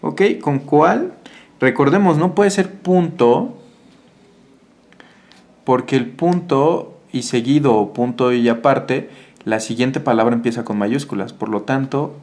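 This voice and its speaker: A man who tutors exam prep, patiently walking through answers with tag questions and filler pauses. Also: medium pitch, a little mellow. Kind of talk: exam answer walkthrough lesson.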